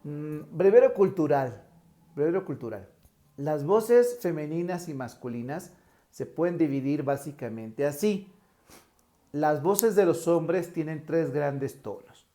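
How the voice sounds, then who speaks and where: A Mexican man with a tenor voice teaching an online lesson, acting out pitch examples as he goes. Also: expressive, unhurried, warm tone. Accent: Mexican Spanish. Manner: demonstrative, shifts pitch to show examples. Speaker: teacher trainer.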